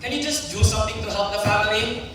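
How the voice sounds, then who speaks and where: A teenage student actor plays a frustrated, pushy older brother on a school stage, needling and resentful, drawling when annoyed. His voice sits high and sounds pushed and bright as he talks fast. The echoey hall recording is noisy, with the mic far away.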